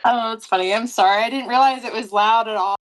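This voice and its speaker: A woman's voice: a little high, fast, noisy background. A woman player in casual chat on a tabletop game stream, friendly, a bit sheepish, laughing easily.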